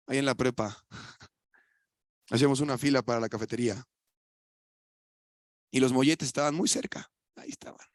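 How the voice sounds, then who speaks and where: A young man preaching with a Mexican Spanish accent, his voice pitched high for a man. He talks to the congregation in a casual, colloquial way, firing off rhetorical questions and dropping from loud emphatic lines into quiet asides. The sound is dry and close. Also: dry recording. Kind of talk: sermon. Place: church.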